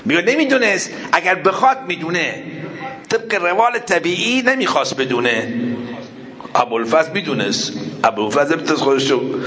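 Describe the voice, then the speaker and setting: A male preacher delivers a storytelling sermon with a slightly high voice that swings widely in pitch. He asks his listeners questions and answers them himself. He jumps between near-shouted exclamations and hushed, low asides. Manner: animated, acts out dialogue in raised voices, then drops to a low murmur.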